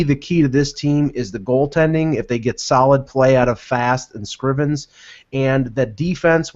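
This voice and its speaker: A man's voice: medium pitch, a little mellow. A man giving casual, opinionated sports commentary as a podcast panelist on a remote online call. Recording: dull lo-fi online call audio.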